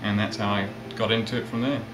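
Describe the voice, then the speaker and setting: A South African man who spent years in England and Australia, now a ukulele player and magazine editor, chats casually as an interview guest. His fairly low voice carries a blended South African, English and Australian accent, and he speaks reflectively and haltingly. The roomy space adds echo and steady background noise.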